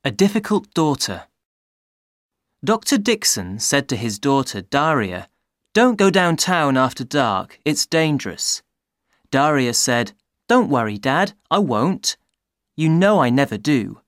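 A native English speaker slowly reading practice words and a short rhyme for learners, clearly articulated. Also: medium pitch, sing-song, no room sound, clean studio sound. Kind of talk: slow careful read-aloud of practice words.

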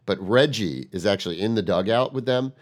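A man's voice: on the low side, expressive, a little fast. A man chatting casually about sports, blunt and opinionated, swearing now and then.

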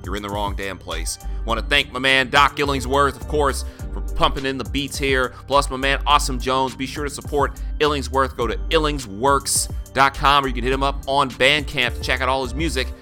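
Bright, punchy male podcast host over music. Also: mid-range voice, fairly even intonation, a little fast, hardly any pauses. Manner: showy announcer delivery with casual slang. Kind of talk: energetic podcast monologue with plugs. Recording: music bed under the voice.

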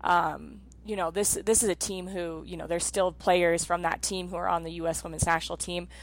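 A woman in her thirties with a somewhat low voice hosts a casual interview. She talks with empathy and often fills her phrases with "um" and "you know". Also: flat delivery, brisk, gravelly, dry recording, poor audio. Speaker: interview host, former soccer player.

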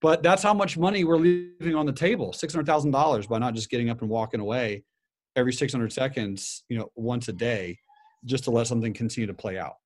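A man in casual conversation, calmly giving practical advice on trading discipline. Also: mid-range voice, fast talker.

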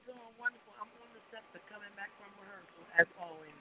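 A woman's voice: medium pitch, fast talker. A woman calling in over the phone from a train, chatty and effusive. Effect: over the phone, speakerphone. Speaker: call-in guest, singer. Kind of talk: casual chat. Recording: tinny phone line with faint noise.

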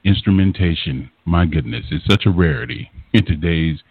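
A very deep, husky-voiced man asks long, earnest questions as an interview host. His voice comes over a dry, tinny, phone-like line. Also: moderate pace, dry recording.

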